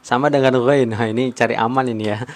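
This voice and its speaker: A man teaching Quran recitation on a live stream, patiently repeating points, drawing out sounds slowly and coaxing viewers to answer in the comments. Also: medium pitch, fairly even intonation. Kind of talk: live-stream tajweed lesson.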